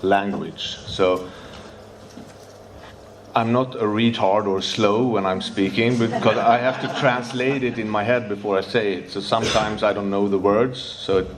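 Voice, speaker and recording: At a meeting, a Swedish man whose first language is Swedish tells his recovery story in accented English, nervous and halting as he hunts for words. His voice is fairly low with fairly even intonation, and a crowd can be heard behind him.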